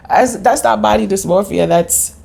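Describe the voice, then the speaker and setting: A woman's voice: medium pitch, takes it slowly, creaky, mellow. A woman vlogger talking off the top of her head in a candid, rambling, slangy and blunt casual monologue.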